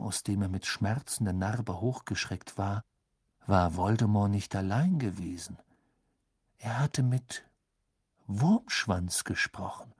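Ein Mann liest ein Hörbuch ausdrucksvoll und dramatisch vor. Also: male voice, fairly low pitch, husky, no room sound, clean studio sound. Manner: expressive, dramatic storytelling. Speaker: audiobook narrator. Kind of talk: scripted audiobook narration.

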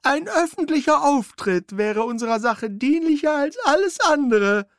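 A narrator putting on the voice of a fussy, servile old manservant in a radio play, talking high and quick. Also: male voice, expressive, dry recording. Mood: instructive. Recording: dry studio recording.

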